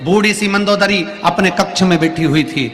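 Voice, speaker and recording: Fervent male preacher in a reverberant hall. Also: normal speed. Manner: fervent, swinging between loud high calls and quiet low asides. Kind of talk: devotional story sermon. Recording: long hall reverb, faint music.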